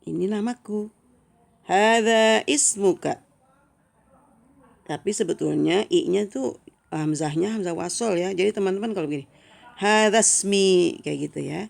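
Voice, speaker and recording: A woman from Indonesia giving a casual online Arabic lesson. She reads each phrase slowly and clearly, then adds quick chatty asides. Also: lowish voice, mellow. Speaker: Arabic teacher.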